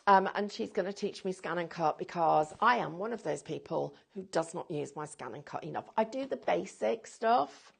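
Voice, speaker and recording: Chatty woman with gravelly voice. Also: fairly low pitch, lively intonation, normal speed, hardly any pauses. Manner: chatty, jokey, enthusiastic sales patter. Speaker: shopping channel presenter. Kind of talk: live shopping-show chat.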